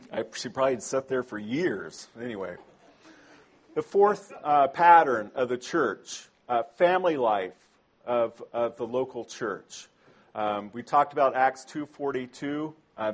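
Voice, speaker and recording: Husky male preacher, conversational sermon. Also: medium pitch. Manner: conversational, asks the congregation questions.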